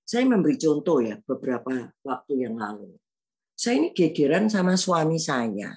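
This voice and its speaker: A woman's voice: sits low, big pitch swings, normal speed, darkish tone, breathy edge. A woman in her eighties with a Javanese accent, preaching in a homely, conversational way and telling a personal story to her listeners. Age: 80s. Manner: homely, addresses listeners often as brothers and sisters.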